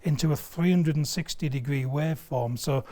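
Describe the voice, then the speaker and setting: At a moderate pace, a man with a fairly high pitch and dark tone enthuses about a product during a conversation in a video studio. The guest, a sales director at a loudspeaker firm, is emphatic and likes to reach for ordinary analogies.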